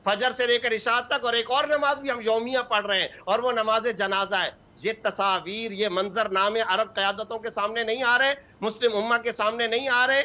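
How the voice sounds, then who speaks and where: A man's voice: high-pitched, fairly even intonation, normal speed, few pauses, sharp tone, muffled recording. A man from Pakistan, a mufti appearing as a guest on a TV talk show, delivering fervent religious commentary in short, emphatic bursts.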